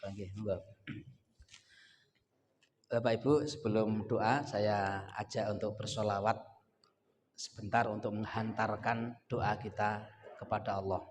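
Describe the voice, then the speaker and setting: A man with a Javanese accent, an Islamic preacher, delivers a sermon built around a comic story, repeating key words for emphasis and joking with the audience. His voice is lowish and a little slow, with fairly even intonation and long pauses. The recording comes from an echoey hall with faint noise.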